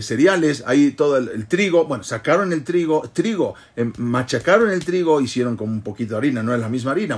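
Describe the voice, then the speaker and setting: A man's voice: mid-range voice, slightly rough. A man telling a story. He acts out the dialogue and builds in intensity. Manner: animated retelling, acting out dialogue with rising intensity. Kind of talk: sermon storytelling.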